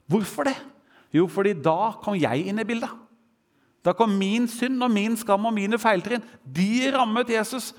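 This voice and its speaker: A man preaching a sermon, quoting scripture with a rising and falling voice. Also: sits high. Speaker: pastor. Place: church hall. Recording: church hall reverb.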